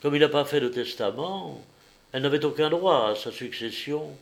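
A man's voice: a little high, lively intonation, moderate pace, vocal fry. Effusive society lady, man reading, emphatic and admiring, audiobook.

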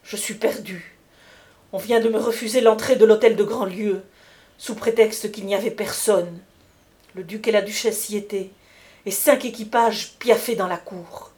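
A woman's voice: medium pitch, steady tone, moderate pace, a little mellow, natural voice. A woman voicing an anxious, ambitious young man in an audiobook reading, agitated and pleading. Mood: distressed.

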